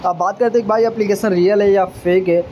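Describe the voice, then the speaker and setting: A man's voice: high voice, steady tone, fast talker, dark tone, slight background noise. A man walking viewers through a mobile app in a casual, chatty way, often checking in with them and calling them brother. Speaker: tech YouTuber. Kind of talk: casual screen-recording app walkthrough.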